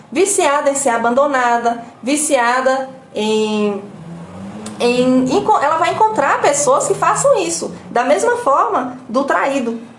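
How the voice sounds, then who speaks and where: A woman with a Brazilian accent teaches in an explanatory, repetitive way. She keeps asking rhetorical questions and tagging her sentences to check in with her listeners. Her fairly high voice carries a roomy echo. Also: a little hiss or hum. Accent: Brazilian Portuguese. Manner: rhetorical questions with frequent tag questions. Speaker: emotional intelligence coach. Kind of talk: live talk to an audience.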